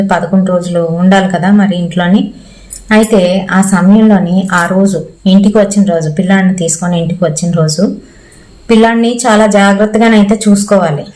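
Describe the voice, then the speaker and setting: A woman's voice: mid-range voice, a little mellow, rough recording. A woman with a Telugu accent telling a ghost story in a casual, conversational way. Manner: conversational, acts out quoted lines in her own voice. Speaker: horror story narrator.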